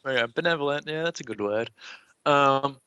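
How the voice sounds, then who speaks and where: A man's voice: mid-range voice, fairly quick, pushed and bright, clear, resonant tone, no echo, lo-fi sound. A man running a tabletop game over voice chat, easygoing and hesitant with fillers. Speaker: game master.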